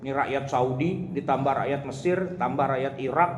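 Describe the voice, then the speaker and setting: A man's voice: medium pitch, brisk. A man giving an informal religious lecture, chatty and humorous, often laughing and addressing his audience directly. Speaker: Islamic preacher. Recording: echoey hall with loud ambient noise.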